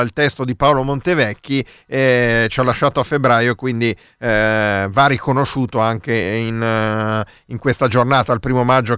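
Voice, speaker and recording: A man's voice: medium pitch, fairly bright tone, clear, resonant tone, no echo. A man hosting a casual live radio phone-in, chatting and taking calls on a studio microphone. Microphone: close studio microphone.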